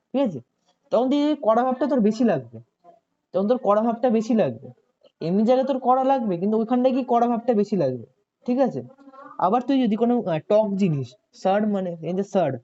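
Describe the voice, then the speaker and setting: A tutor with a mellow, mid-range voice gives a chatty online coaching lesson, regularly asking students questions and checking that they follow. "ঠিক আছে" comes up again and again, and the audio is dull and lo-fi.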